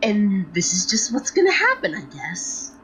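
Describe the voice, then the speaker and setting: A woman voicing an embarrassed, evasive young woman character in a tabletop game, hesitant and slow. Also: medium pitch, huge pitch swings, a bit bright, a little hiss or hum, voice pushed up, rough recording.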